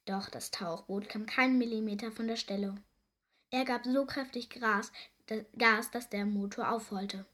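Young woman, storyteller, children's story, lively narration, slightly high voice. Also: normal speed.

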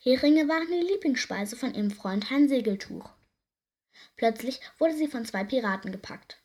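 A woman reading a children's story aloud in a lively, expressive way. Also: high voice, normal speed.

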